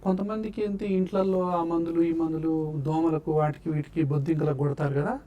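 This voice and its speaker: A man's voice: a little high, fairly even intonation, fairly quick, dark tone, lo-fi sound. A man speaking as a doctor on a TV health show, patiently explaining causes and treatments one after another. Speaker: doctor answering health questions.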